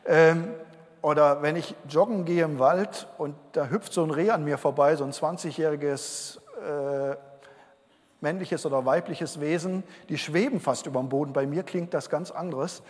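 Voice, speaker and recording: A man's voice: fairly high pitch, moderate pace. A man giving an earnest sermon to a congregation, explaining Bible verses. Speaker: pastor. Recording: long hall reverb.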